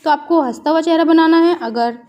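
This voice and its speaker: A woman with a high voice teaching young children from a worksheet. She asks simple questions, answers them herself and spells words out slowly, letter by letter. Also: highs cut off.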